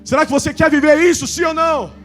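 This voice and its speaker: A man with a Brazilian Portuguese accent preaching a sermon as pastor, swinging from shouted calls to hushed storytelling. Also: very high voice, steady tone, fast talker, faint music behind.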